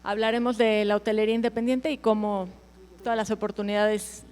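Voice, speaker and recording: A woman's voice: medium pitch, level tone, brisk, a little mellow, smooth. A woman with a Mexican accent moderating a panel as a travel journalist, welcoming. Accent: Mexican Spanish.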